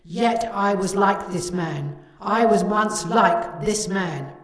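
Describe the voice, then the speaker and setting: A woman's voice: a little high, animated. Woman putting on a mournful echoing ghost. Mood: solemn. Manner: solemn, slow and declaiming. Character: ghost of a dead old businessman, grave and mournful. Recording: heavy echo, distant from the mic.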